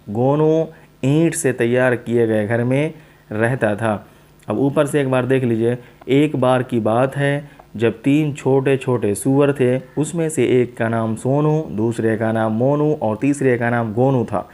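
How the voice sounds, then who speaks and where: A man teaching English vocabulary to students, reading a story line by line and explaining each word slowly and with repetition. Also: medium pitch, a little mellow. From South Asia. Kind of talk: teaching English to Hindi speakers.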